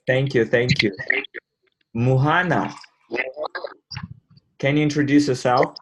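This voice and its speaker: A man hosting an online community call, explaining things step by step in a halting way. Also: medium pitch, fairly even intonation, a little hiss or hum. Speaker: host presenting a crypto wallet.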